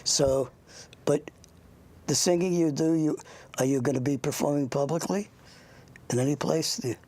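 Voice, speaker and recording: An older show host interviews a young guest informally and haltingly, frequently drifting off into anecdotes. His voice is gravelly and husky, with a medium pitch and a darkish tone.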